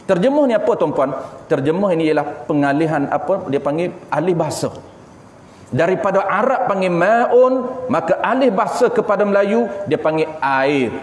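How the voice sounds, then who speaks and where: Malaysian religious teacher, fairly high voice, echoey hall sound, lecture delivery. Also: male voice. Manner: explanatory, repeats key terms, asks and answers his own questions. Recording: echoey hall with faint background noise.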